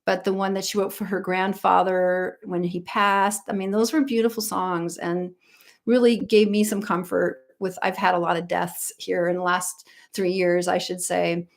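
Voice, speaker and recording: A middle-aged vocal coach from the United States chats casually on a livestream, reading out viewer comments and rambling with plenty of ums and restarts. Her voice is on the low side and creaky, with little pitch movement, at a normal speed.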